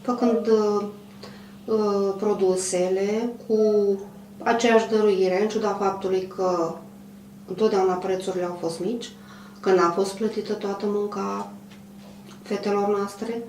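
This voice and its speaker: A woman in her fifties who runs a clothing manufacturer, answering an interview in a measured, hesitant way with many pauses. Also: medium pitch, steady tone, a little mellow. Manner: measured, hesitant, frequent pauses and throat clearing. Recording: roomy, distant mic, faint hum.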